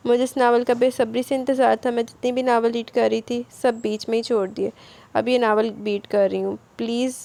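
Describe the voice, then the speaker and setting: A woman's voice: fairly high pitch, flat delivery, brisk, vocal fry. A woman, casually reading and answering listener comments as the narrator of an audio novel channel. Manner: warm thanking, chatty replies to listeners.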